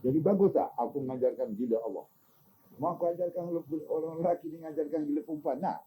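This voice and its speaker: An older man giving an informal religious talk, animated and teasing, often asking his listeners questions. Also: fairly high pitch, fast talker, low-quality recording. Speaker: religious teacher.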